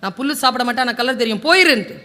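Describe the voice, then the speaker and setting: A woman's voice: fairly high pitch, animated, racing, sharp tone. A woman voicing a proud male tiger who protests in exasperation. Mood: indignant.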